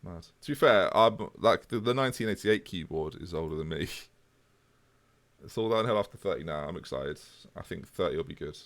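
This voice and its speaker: A man's voice: sits low, animated, moderate pace, fairly bright tone. A man, chatting casually with viewers on a live stream. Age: 20s. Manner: chatty, jokey, answers chat.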